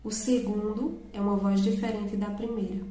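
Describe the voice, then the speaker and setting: A woman's voice: medium pitch, little pitch movement, normal speed, warm tone, reverberant, rough recording. A woman earnestly telling her viewers a personal faith testimony, awed and direct. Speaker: testimony vlogger.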